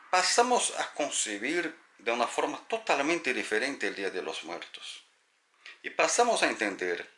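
A man, a teacher, giving a gentle, thoughtful reflective talk to camera and telling a story. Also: medium pitch.

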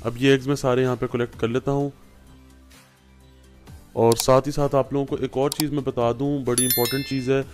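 This farming instructor from Pakistan teaches patiently from an indoor work table, breaking a home tutorial into clear steps. He speaks in a medium register with a somewhat dark tone.

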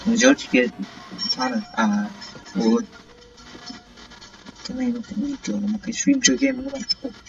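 Excitable man panicking while gaming. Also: very high-pitched, brisk, vocal fry, pauses often, recorded from a distance. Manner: excitable, panicky outbursts, repeating words. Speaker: gaming livestreamer. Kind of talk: live gameplay commentary. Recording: dull lo-fi sound with faint game music.

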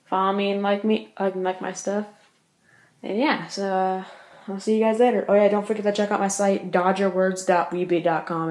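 A male vlogger giving a casual update from home, talking fast, stuttering and filling gaps with uh and like. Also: sits high, roomy sound. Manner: speaks fast, stutters, lots of uh and like. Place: room at home.

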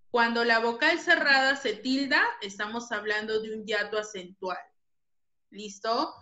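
A woman's voice: a little high, sharp tone. A woman teaching a grammar lesson to pupils, patient and repeating each point. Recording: echoey room.

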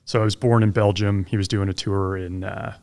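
Podcast guest, man in his 40s, low voice, lively anecdotes, studio mic. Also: brisk, gravelly. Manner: chatty storyteller, upbeat, laughs easily. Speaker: guest, former helicopter pilot. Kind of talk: casual interview. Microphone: studio mic on boom arm, headphones.

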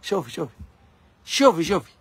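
A man with an Algerian accent, pitching fabric discounts in a pushy live sales video. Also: sing-song, fairly bright tone, slightly rough. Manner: rapid, pushy hawking to viewers. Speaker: fabric shop seller.

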